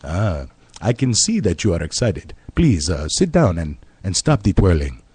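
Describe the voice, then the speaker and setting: A man's voice: low voice, big pitch swings, darkish tone, slightly rough, no room sound, exaggerated voice. A man playing a suave, pompous Latin male talk show host with a put-on Spanish accent in a comedy radio sketch. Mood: smooth. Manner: pompous, slow and self-assured.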